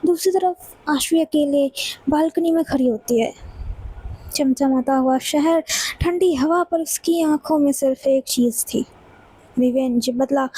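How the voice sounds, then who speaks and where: A woman narrating a romance audio story in a plain, even storytelling manner. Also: high voice, no room sound, poor audio.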